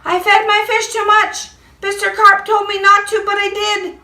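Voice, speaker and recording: A woman putting on a little boy's voice for a storybook, way up high and bright, words leaping around with worry, pleading and breathless. the sound comes from across an echoey room. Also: little pitch movement, normal speed, full character voice. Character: excited young boy, fish owner. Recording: echoey room, distant mic.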